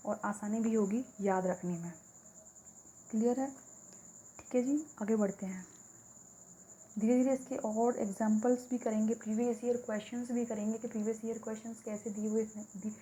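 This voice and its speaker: A woman teaching an exam-prep lesson, explaining step by step, repeating key words and reading English examples slowly. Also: mid-range voice, dark tone, a little hiss or hum, rough recording.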